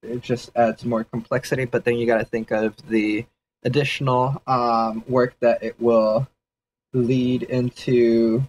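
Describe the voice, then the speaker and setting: A man's voice: mid-range voice, a little hiss or hum, poor audio. A man casually thinking aloud during a livestream sketch session, rambling and hedging with fillers as he explains his ideas. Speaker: 3D artist streaming a sketch session.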